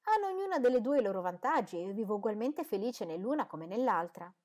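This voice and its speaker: A woman reading as an amiable young gentleman. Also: mid-range voice, very animated, fast, pitched above the performer's own voice, natural voice. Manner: friendly, eager. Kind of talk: audiobook reading.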